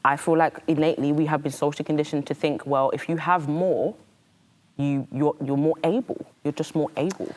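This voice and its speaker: A woman's voice: deep voice, fairly even intonation, a little fast, a little mellow. A woman in a casual panel debate, earnestly arguing her point with hypotheticals. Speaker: panel participant.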